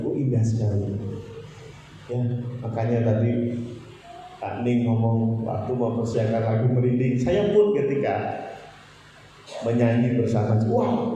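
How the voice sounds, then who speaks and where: A male pastor preaching a sermon in a lively manner, chuckling often and acting out sample prayers. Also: medium pitch, slight background noise. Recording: echoey hall, voice far from mic.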